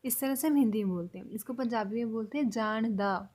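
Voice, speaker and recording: A language teacher with a slightly high, slightly mellow voice gives a spoken lesson. She speaks patiently, saying each example phrase slowly and repeating it for learners.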